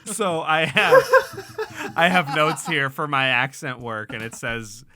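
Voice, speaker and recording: A man running a tabletop game as game master, chatty and quick to laugh at himself. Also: on the high side, big pitch swings, sharp tone. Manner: chatty, laughs easily, self-deprecating. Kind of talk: narrating a tabletop game, casual chat.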